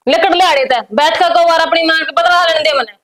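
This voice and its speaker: An actress playing a quarrelsome married daughter in a family comedy drama, speaking with a Haryanvi accent in a combative, scolding manner. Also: female voice, very high-pitched, a little fast, fairly bright tone. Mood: angry. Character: married daughter visiting parents, sharp-tongued, quarrelsome.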